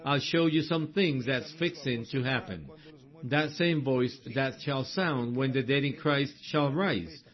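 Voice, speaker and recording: A preacher delivers a sermon, reading and explaining passages from a book of quotations. He speaks deliberately, returns to the same phrases for emphasis, and adds brief asides in a medium-pitched voice. The recording is somewhat dull and lo-fi.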